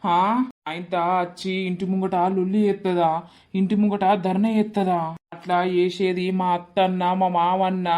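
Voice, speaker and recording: A worried young village man in a cartoon comedy, fretting aloud and snapping in exasperation, as a voice actor plays him. He has a Telangana accent and a middle-pitched voice. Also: darkish tone. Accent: Telangana Telugu. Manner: fretful, exasperated. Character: harassed young village man about to marry.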